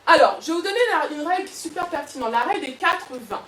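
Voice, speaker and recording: High-voiced woman coach, echoey room. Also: quick pace. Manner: lively, animated, with many restarts. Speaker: personal development coach. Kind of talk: motivational workshop talk. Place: event room with an audience. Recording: echoey room, far from mic.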